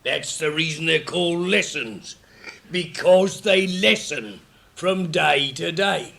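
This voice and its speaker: A man's voice: a little high, slow, creaky, sharp tone, full character voice. A man playing a brusque, blustering gryphon, scornful but jolly and blunt in manner, in a 1950s dramatised storybook recording. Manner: blunt, chuckling, emphatic.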